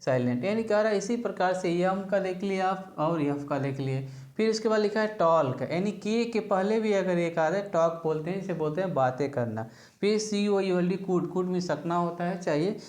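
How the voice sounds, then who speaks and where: A woman teaching English spelling, slowly spelling words letter by letter and asking questions she answers herself. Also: lowish voice, animated, a little mellow, reverberant. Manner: asks a question, then answers it herself, over and over. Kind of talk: classroom-style explanation of silent letters.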